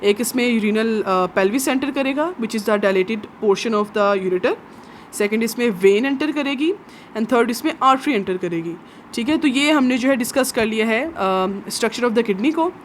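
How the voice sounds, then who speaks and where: A woman with a slightly high, lively voice teaches biology from labelled diagrams at a measured pace, with a little background noise. She is patient and repetitive, posing questions and answering them herself, and she often adds "theek hai."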